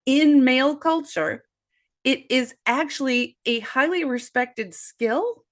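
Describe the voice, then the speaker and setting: Woman, 40s, podcast guest and author; earnest, animated storyteller. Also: sits high, takes it slowly. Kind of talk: conversational podcast discussion.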